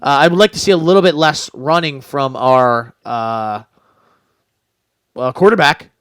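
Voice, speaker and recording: A man's voice: medium pitch, measured pace, a bit bright, smooth, no echo, clean studio sound. A young man co-hosting a casual sports podcast, laid-back and rambling with lots of fillers. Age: young adult. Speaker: podcast co-host.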